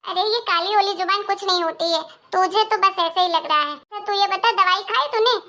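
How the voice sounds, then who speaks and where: A doting older mother speaks in a soothing, indulgent way, voiced by a woman. The voice is very high and bright. It is a cartoon moral story. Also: brisk, heavily acted. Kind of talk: Hindi moral story voice acting.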